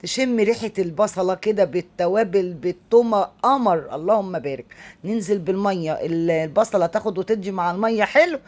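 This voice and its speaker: A woman's voice: mid-range voice, brisk, a little mellow. A woman with an Egyptian accent hosting a cooking tutorial, chatty and exclaiming often as she talks viewers through a recipe. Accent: Egyptian Arabic. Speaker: cooking show host.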